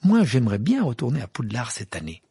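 Laid-back young wizard, knowing, husky; male reader. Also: medium pitch, wildly swooping pitch, fairly quick, dark tone, no echo, studio quality, full character voice. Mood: wistful.

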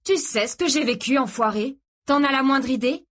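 A volatile, jealous young man, voiced by a woman reading a storybook aloud, snarls and shouts his threats. His voice rides high and loud above the narration, hard and vulgar, always on the edge of violence. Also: measured pace, breathy edge. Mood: furious shouting.

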